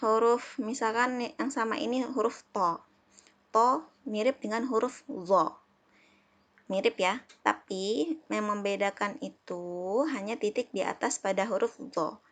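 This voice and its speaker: A woman from Indonesia teaching an Arabic lesson, patiently repeating herself and slowly sounding out each example. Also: medium pitch. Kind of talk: classroom lesson explaining letters.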